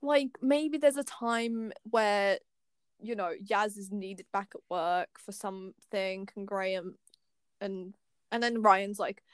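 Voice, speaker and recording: A woman's voice: mid-range voice, slow, smooth, no echo. Chatty young woman with dry sound. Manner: rambling, enthusiastic, many fillers and restarts. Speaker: podcast co-host. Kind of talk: casual fan podcast chat.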